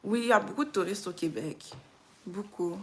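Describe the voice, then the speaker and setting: This Québécoise woman from Quebec, Canada hosts a livestream in an informal, reflective chat, pondering aloud at an easy pace. Her mid-range voice is gravelly and a bit bright.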